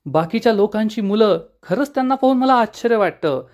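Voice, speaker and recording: A man's voice: high voice, animated, a little fast, darkish tone, voice pushed up. A sneering, scheming middle-aged politician with a bitter edge and a somewhat raised male voice, read out by a man recapping a serial. He sounds spiteful and calculating. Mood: scornful.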